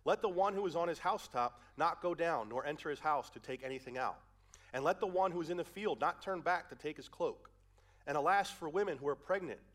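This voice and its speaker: Fighting a head cold, a pastor talks through his sermon in a conversational way, reading verses, unpacking them, and quizzing the audience. He has a higher-sitting voice with a fairly bright tone.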